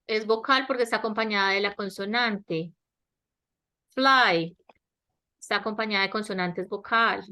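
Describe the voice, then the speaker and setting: Speaking in Spanish with a Latin American accent, a woman with a mid-range, bright and forceful voice teaches an online English grammar class. Her pace is slow and explanatory, with repeated questions to make sure students understand; the mic is a webinar headset or laptop.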